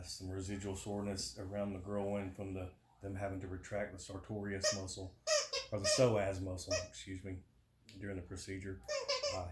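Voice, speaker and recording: Low-voiced man, flat and matter-of-fact. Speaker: vlogger giving a surgery recovery update. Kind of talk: casual talk to camera. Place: indoors at home. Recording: roomy home echo with faint noise.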